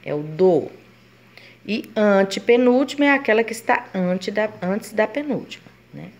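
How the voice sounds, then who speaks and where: A woman's voice: medium pitch, animated, moderate pace, a little mellow. A woman teacher gives a grammar lesson, explaining step by step and voicing her students' questions.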